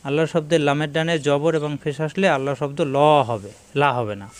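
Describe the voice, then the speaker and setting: A man teaching an online Quran lesson, spelling words letter by letter and chanting slow examples. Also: fairly high pitch, clean tone. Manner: chants the call to prayer slowly in demonstration.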